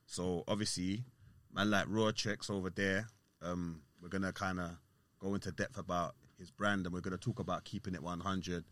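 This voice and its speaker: A male podcast host speaks with a London roadman accent in a fairly low voice. His delivery is hyped and slangy, peppered with tag questions, in the style of a casual street podcast. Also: flat delivery, moderate pace, a bit bright, no echo.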